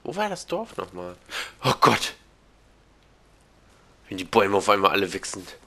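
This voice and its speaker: A man casually playing a game with a friend, calmly narrating what he finds. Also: lowish voice, normal speed. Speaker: let's play co-player. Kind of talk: casual gaming banter.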